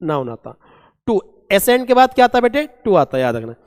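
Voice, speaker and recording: A man teaching a vocabulary lesson, asking and answering his own questions and reading English examples out slowly. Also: sits high, very animated, a little mellow. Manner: asks and answers his own questions, calls students "beta". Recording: long echoing reverb.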